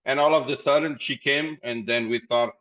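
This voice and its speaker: A man with a medium-pitched, slightly bright voice speaks at normal speed with fairly even intonation. He's a company founder appearing as a podcast guest, rambling through his story in a casual interview and laughing often. The recording has a dull, lo-fi sound.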